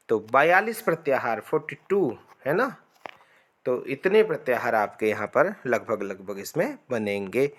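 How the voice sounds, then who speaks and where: Slow, deliberate male Sanskrit grammar teacher. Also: mid-range voice, fairly bright tone. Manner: slow explanatory delivery with frequent "है ना" and "ठीक है" check-ins; drawn-out chanting of sutras and vowel lengths. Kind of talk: spoken classroom lecture.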